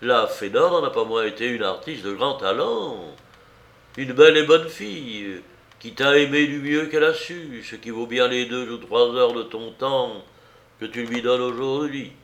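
A man's voice: medium pitch, a little slow, a bit bright. A man voicing an earnest, loyal male friend in a read-aloud story, speaking in a pressing, serious way. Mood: indignant. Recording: roomy echo.

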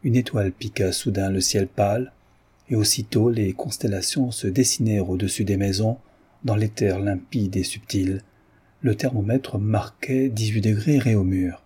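A man reading a classic novel aloud as audiobook narration, in a measured, descriptive manner. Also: on the low side, fairly even intonation, warm tone, husky. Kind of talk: scripted narration.

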